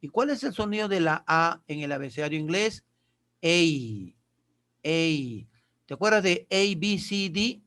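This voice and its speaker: A man's voice: sits high, expressive, brisk, hardly any pauses, sharp tone. A male teacher giving a patient, explanatory lesson, often asking questions and answering them himself, with short check-in questions. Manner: patient, asks and answers his own questions.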